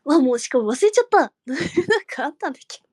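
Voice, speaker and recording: A young woman chatting casually with fans on a livestream, giggling and dropping into soft murmurs and whispers. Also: high voice, sing-song, fast, no room sound, studio quality. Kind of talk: casual chat.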